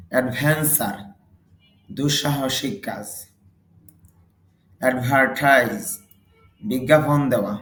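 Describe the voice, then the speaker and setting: A man's voice: mid-range voice, fairly bright tone, roomy sound. A man teaching English vocabulary, saying each word and its meaning twice and explaining pronunciation rules. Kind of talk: slow vocabulary drill lesson.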